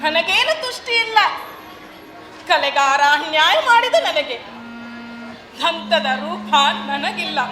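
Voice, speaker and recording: A woman's voice: extremely high pitch, animated, slow, pauses often, sharp tone, soft background music, exaggerated voice. A woman playing a young female clay doll on a live stage, pleading in a theatrical stage voice. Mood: sulky. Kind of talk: stage drama. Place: large hall, live stage. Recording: echoey hall, crowd noise.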